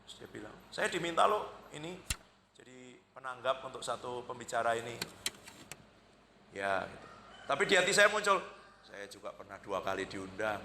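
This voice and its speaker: A male pastor with a Central Javanese Indonesian accent tells stories from the pulpit in an easy, chatty way. His voice is bright and ringing, and he jumps up in pitch to act out other people's words. A faint hum of church ambience sits behind him. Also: moderate pace, vocal fry, pauses often, big-room sound. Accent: Indonesian, Central Java. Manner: chatty, anecdotal, acts out quoted voices with lively jumps. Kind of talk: conversational sermon storytelling. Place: church worship hall.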